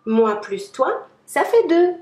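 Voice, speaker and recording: A woman's voice: high-pitched, big pitch swings, slow pace, a little mellow, reverberant, recorded from a distance, exaggerated voice. A woman voicing a cheerful little female mole who speaks in a friendly, plain way.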